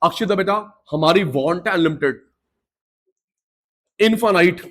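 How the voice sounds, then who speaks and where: Man, middle-aged teacher, high pitch, energetic call-and-response lecturing in Hindi-English mix. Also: a little slow. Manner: energetic, drills students with call-and-response repetition; mixes Hindi and English terms. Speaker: economics teacher. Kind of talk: live class lecture.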